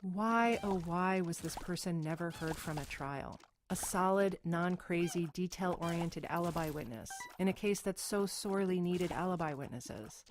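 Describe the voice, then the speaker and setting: Female journalist narrator, low register, measured and wry, scripted podcast read. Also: slight background noise.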